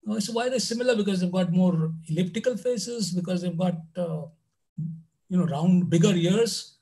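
A high-pitched man teaches an online math class. He keeps it loose and conversational, dropping "you know" between points. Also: moderate pace, warm tone, low-quality recording. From India. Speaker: lecturer.

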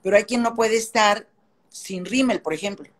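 An older woman with a Veracruz accent, a guest on a livestream, telling lively anecdotes in casual chat. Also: medium pitch, normal speed.

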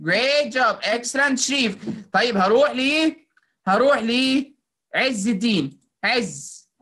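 Egyptian woman teacher on a video call, bright and encouraging, mixes English into her Arabic. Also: on the high side, expressive, slow pace, slightly rough. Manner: coaxing and praising, mixing in English words. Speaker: phonics teacher for children. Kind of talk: online class drilling children.

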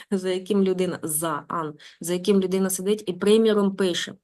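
A woman teaching German online. She reads a story aloud slowly and translates it with quick explanatory asides. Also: lowish voice, steady tone, a little mellow.

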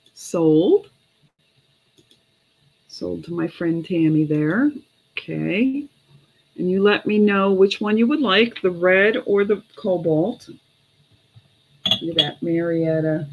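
On a low-quality recording, a middle-aged woman with a fairly low voice runs a casual online auction of vintage glass from a small room at home. She chats between calling bids and prices, in no hurry and pausing now and then.

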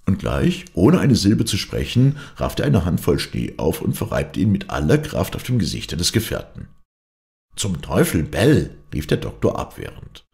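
This is a male audiobook reader working through a classic adventure story. He has a gravelly, extremely deep voice and reads in a calm, steady manner.

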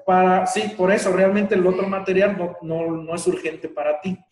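A man's voice: high-pitched, little pitch movement, moderate pace, a little mellow. A man with a Mexican accent leading a group workshop in a casual, chatty way, laughing now and then between remarks. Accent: Mexican Spanish. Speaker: workshop leader. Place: indoor room with a group. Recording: echoey room, distant mic.

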